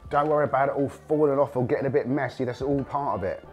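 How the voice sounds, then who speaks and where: A man hosting a casual cooking demonstration, hoarse from a cold, chatting enthusiastically to viewers as he cooks. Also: mid-range voice, fast talker, soft background music. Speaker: cooking show host.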